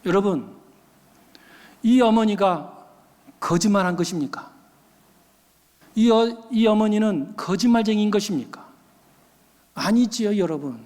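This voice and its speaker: A man's voice: high-pitched, animated, measured pace, pauses often, darkish tone. A man preaching a sermon as a pastor, telling stories and putting rhetorical questions to his congregation. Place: church sanctuary. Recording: long church hall reverb.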